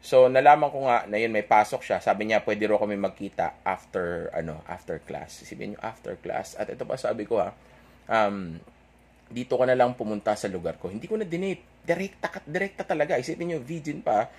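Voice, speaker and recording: Speaking a little fast and with animation, this young man has a lowish, husky, somewhat mellow voice. His dating story for the audience wanders chattily, full of self-corrections and an "okay?" tacked onto almost every point.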